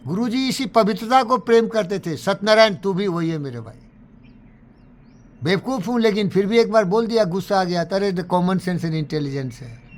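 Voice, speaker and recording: A man's voice: high voice, moderate pace. A man telling stories from his life in a rambling, emotional monologue, sprinkled with curses. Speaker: speaker recounting his life. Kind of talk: animated storytelling monologue.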